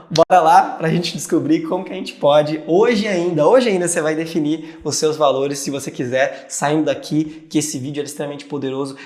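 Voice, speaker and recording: Earnest Brazilian man, roomy echo. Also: a little high. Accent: Brazilian Portuguese. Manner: earnest, conversational, addresses viewer directly. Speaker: video creator. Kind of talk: motivational talk to camera.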